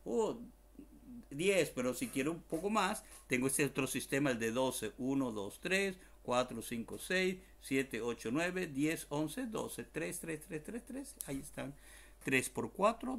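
Guy teaching a language class online, says each word over and over, spells it out slow, mid-pitched voice. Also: sing-song. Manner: explains slowly, repeats words many times, spells letter by letter, jokes aside.

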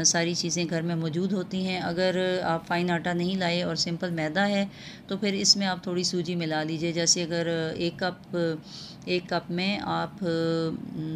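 A woman hosting a home cooking tutorial, explaining each step calmly with frequent pauses and filler sounds. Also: fairly low pitch, a little hiss or hum. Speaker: cooking channel host.

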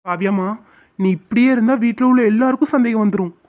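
A performer voicing a steady, kind young man who is a police officer in a cartoon. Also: mid-range voice, fast talker, lightly acted. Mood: calm. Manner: reassuring, calm. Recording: tinny phone-like sound.

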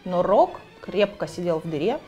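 A woman reading a children's book aloud, in an expressive storytelling manner. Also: on the low side, normal speed, husky, dull audio, faint music behind. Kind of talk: storybook narration.

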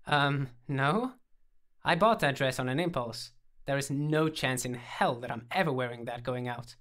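A man voicing a withdrawn, sharp-tongued young woman who answers with dry, defensive retorts. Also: mid-range voice, a little slow, natural voice. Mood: defiant.

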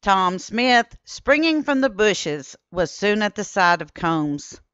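Woman reading a history doc, smooth clear voice, dry slightly dull sound. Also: medium pitch, no room sound. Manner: steady, measured reading that quotes old newspaper sources. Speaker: history channel narrator. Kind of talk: scripted documentary narration.

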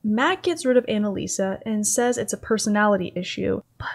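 A woman's voice: medium pitch, lively intonation, fairly quick, creaky, over music. A young woman co-hosting a casual comedy recap, sarcastic and giggly as she narrates. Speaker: co-host of a commentary channel.

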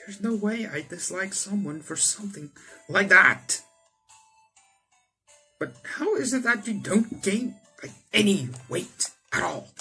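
Hosting a gaming video indoors over game music, a young man reads a visual novel aloud and breaks in with theatrical exclamations. His expressive voice sits high and is sharp and slightly rough, delivered at a measured pace.

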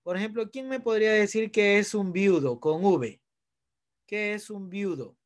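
A man with a high-pitched voice and an Ecuadorian accent leads a lesson. He explains each point step by step and often turns to the students with questions. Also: measured pace. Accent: Ecuadorian Spanish. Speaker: teacher. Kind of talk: online class lesson.

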